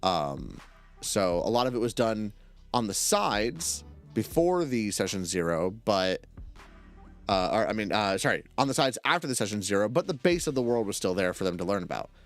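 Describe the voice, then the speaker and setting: Animated man ranting between story reads. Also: lowish voice, normal speed, soft background music. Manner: animated, swears, goes off on rants and tangents; stumbles and corrects himself while reading. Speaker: streamer reading stories. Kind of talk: reading stories aloud with commentary.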